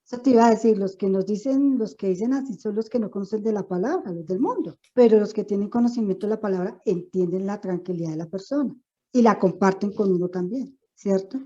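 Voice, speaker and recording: A woman's voice: mid-range voice, brisk, dark tone, muffled recording. A woman speaking up in a Bible study discussion, apologizing for cutting in and asking the others to agree. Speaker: study group participant. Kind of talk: group discussion.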